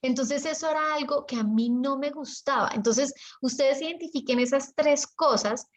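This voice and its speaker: A Colombian woman leading an online business coaching session, talking in a lively way and acting out her examples with long pauses. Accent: Colombian Spanish. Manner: chatty and animated, acts out examples with pauses and lowered tone. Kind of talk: live video call coaching.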